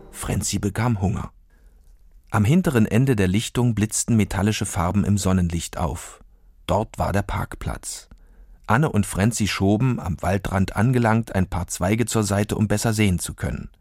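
Low-voiced man reading a children's story. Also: normal speed, darkish tone, breathy edge, no room sound, clean studio sound, soft background music. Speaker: audiobook narrator.

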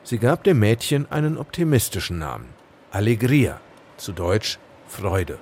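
A man narrating a documentary report in a measured, descriptive way. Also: on the low side, very animated, darkish tone, slight background noise. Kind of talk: scripted narration.

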